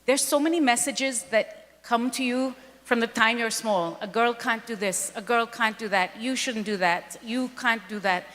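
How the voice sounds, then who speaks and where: Her tone is fairly bright and her pitch a little high as this foundation president from Kenya addresses a panel with real earnestness. She drives her arguments home by saying them again. The sound carries the long echo of a big hall.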